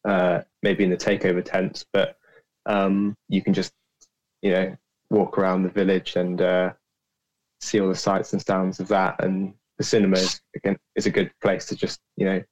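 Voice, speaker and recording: A man's voice: sits low, monotone, normal speed. A man, co-hosting a podcast, speaking hesitantly with many fillers. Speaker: podcast co-host. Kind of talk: casual podcast chat.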